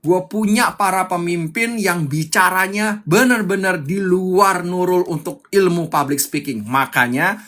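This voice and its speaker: A man's voice: high voice, a little slow, pushed and bright. A young man coaching public speaking on a live stream, fiery and emphatic, repeating his key points.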